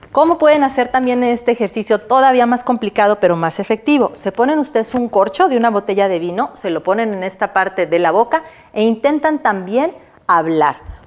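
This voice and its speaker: A woman's voice: medium pitch, expressive, fairly quick. Woman from Mexico, university lecturer, teaching a class, asks and answers her own questions, adds "sí?" checks. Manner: checks in with the listener by adding "¿sí?"; demonstrates walking and a pencil exercise while she talks.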